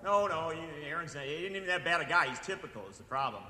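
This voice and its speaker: A man's voice: a little high, expressive, fast, sharp tone. A man from Wisconsin giving a rousing political speech to an audience, building into impassioned, repeated appeals. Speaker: speaker at a political event. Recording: echoey hall with long reverb.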